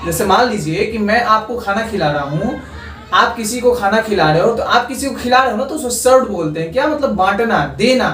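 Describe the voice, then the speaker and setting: A man teaching English grammar in a video lesson. He dictates example sentences slowly and keeps checking in with "okay?". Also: high voice, fairly bright tone. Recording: echoey room, far from the mic.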